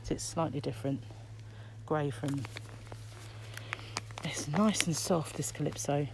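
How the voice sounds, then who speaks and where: Speaking low and unhurried with a creaky quality and fairly even intonation, a middle-aged British woman muses aloud through a face mask while shopping. The crochet vlogger is filming a casual, chatty shopping vlog in a shop aisle on a handheld phone from behind the camera. Background noise and shop ambience can be heard.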